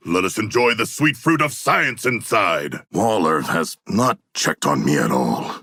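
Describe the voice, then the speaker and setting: A man playing a hulking, earnest shark warrior in a video game, speaking in stilted, grandiose, formal phrases with a gravelly, rough voice. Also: low voice, big pitch swings, unhurried, pushed and bright, dry recording, clean studio sound, heavily acted. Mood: pensive, formal. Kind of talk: video game character voice lines.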